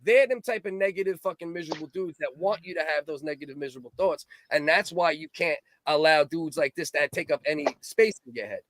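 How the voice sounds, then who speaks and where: A man hosting a casual podcast, loud and profane, repeating himself for emphasis. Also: on the high side, a little fast, few pauses, dry recording. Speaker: podcast host.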